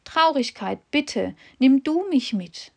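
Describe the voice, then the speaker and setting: A woman voicing Love as a gentle, pleading female figure in a fairy tale. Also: sits high, expressive, takes it slowly, gravelly, voice pushed up, full character voice.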